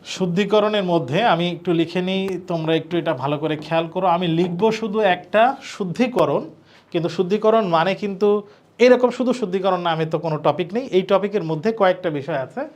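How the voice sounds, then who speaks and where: A man's voice: high-pitched, a little fast, darkish tone. A man teaching an admission-test lecture, explaining answers step by step, spelling words out letter by letter and talking straight to his students. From Bangladesh. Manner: addresses students directly, informal colloquial turns. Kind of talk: lecture solving exam questions.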